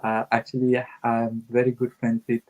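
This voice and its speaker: A man's voice: medium pitch, monotone, moderate pace, darkish tone, rough recording. A middle-aged man from Sri Lanka, a guest giving earnest, reflective answers in a conversational interview.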